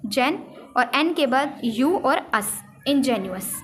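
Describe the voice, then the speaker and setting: A woman teaching a shorthand lesson, explaining signs on a board and slowly repeating each example word. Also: high voice, animated, a bit bright, faint music behind. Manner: repeats example words slowly, drawing out syllables.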